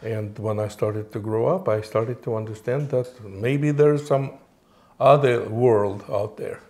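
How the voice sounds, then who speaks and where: A man in his forties from Moldova, whose native language is Romanian, answers interview questions haltingly, with many fillers and restarts. His voice is lowish and dark in tone.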